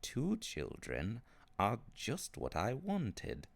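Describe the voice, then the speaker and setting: A man's voice: fairly low pitch, huge pitch swings, drawn-out words, vocal fry, pitched above the performer's own voice, exaggerated voice. A man voicing a tall, thin, sinister old uncle in a storybook reading, slyly polite and gleefully menacing, drawing out his words. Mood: slyly pleased.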